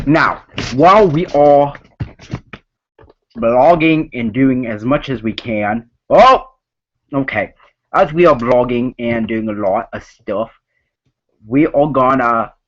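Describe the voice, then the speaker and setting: A man's voice: mid-range voice, lively intonation, slow pace, pauses often, a bit bright. A man hosting a live online game show in a put-on Australian accent, rambling and speaking straight to the players. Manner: rambling, addressing players directly. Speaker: host of an online reality game. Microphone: voice call. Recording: dull lo-fi call audio.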